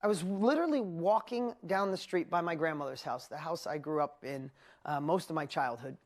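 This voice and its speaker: A woman's voice: deep voice, fairly quick. A woman with a New York accent giving a motivational seminar talk, telling stories with energy and acting out her own inner voice. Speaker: seminar presenter.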